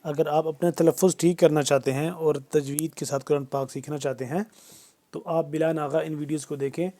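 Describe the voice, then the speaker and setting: A man gives a fast-moving tajweed lesson, running through pronunciation rules one after another in an instructive tone. His voice is pitched fairly high for a man, yet it sounds very dark and mellow. His delivery stays flat and even throughout. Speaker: Quran recitation teacher.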